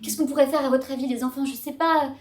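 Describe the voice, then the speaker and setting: A brave, kind young girl , played by a woman, with a high, eager voice. She fires off quick questions. The recording sounds roomy and far from the mic. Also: fairly even intonation, a little mellow, lightly acted. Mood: lively. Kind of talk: live children's story theatre. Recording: roomy hall, distant mic.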